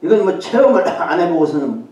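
A man's voice: on the high side, sing-song, a little fast, a little mellow, dull audio. Older man preaching in an echoey church. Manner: conversational, with frequent affirming interjections. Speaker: guest preacher. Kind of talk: sermon. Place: church sanctuary. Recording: very echoey hall, voice from far off.

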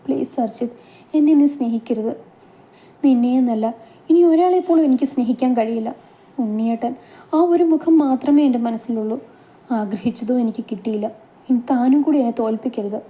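A woman's voice: a little high, fairly quick, dark tone, natural voice. A woman voicing a distraught young woman in love, who speaks in a pleading, tearful way.

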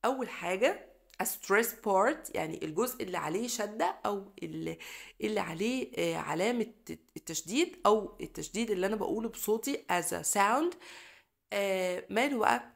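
A woman's voice: mid-range voice, animated, moderate pace, gravelly. A woman with an Egyptian Arabic accent teaching English pronunciation to children in a recorded lesson. She patiently says each example word twice and cheers her pupils on. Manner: encouraging, addresses pupils fondly.

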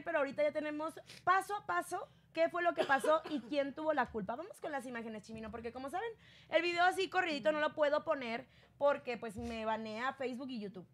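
A woman hosting a casual gossip commentary, chatty and acting out quotes. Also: a little fast. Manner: chatty, acts out quotes with raised pitch. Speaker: gossip show host.

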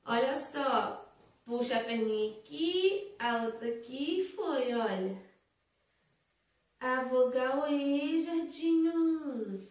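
High-voiced teacher in an echoey room. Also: female voice, animated. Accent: Brazilian Portuguese. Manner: slow, sing-song, encouraging teacher talk with drawn-out words. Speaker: kindergarten teacher. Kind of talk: online lesson for young children.

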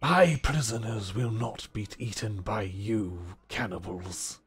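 A man's voice: on the low side, slow, a bit bright, soft background music. A man voicing a giant robot jailer that speaks in a cold, robotic broadcast voice during a tabletop game. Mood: stern. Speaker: game master.

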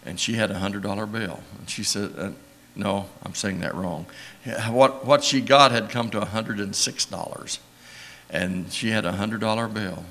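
An older church elder preaches in a homespun, storytelling way. His voice sits low and has a gravelly edge. He wanders between anecdotes, gets emotional, and laughs softly as he goes. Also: normal speed. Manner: rambling, emotional, chuckles often. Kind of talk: folksy sermon storytelling. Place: church sanctuary.

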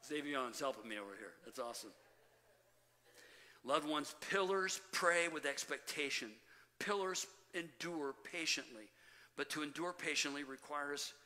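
A man's voice: medium pitch, pushed and bright. A man preaching a sermon as pastor, speaking emphatically to his congregation and often calling them loved ones. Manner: emphatic preaching, rising and falling with pauses. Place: church sanctuary. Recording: church hall reverb.

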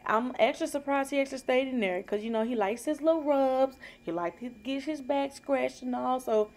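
High-voiced American woman, playful with her pet. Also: moderate pace, darkish tone. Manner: playful, sing-song cooing to a pet. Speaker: dog owner vlogging. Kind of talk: casual chat to viewers and pet. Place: small tiled bathroom, later carpeted room at home. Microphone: handheld or propped phone.

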